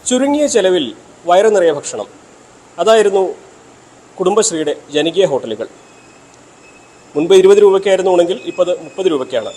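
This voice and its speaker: A man reporting on location from inside a small hotel, brisk and emphatic. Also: high voice, darkish tone. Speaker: field reporter.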